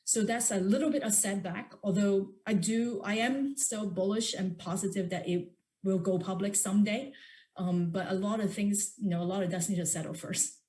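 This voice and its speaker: A woman's voice: mid-range voice, steady tone, normal speed, dark tone. Upbeat woman. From Hong Kong. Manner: upbeat, enthusiastic, with frequent fillers. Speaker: venture investor panelist. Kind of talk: panel discussion.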